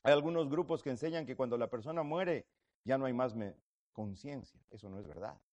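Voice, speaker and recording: A man preaching a sermon, swinging between loud fervent passages and low quiet emphasis, often asking the listeners questions directly. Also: fairly quick. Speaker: pastor.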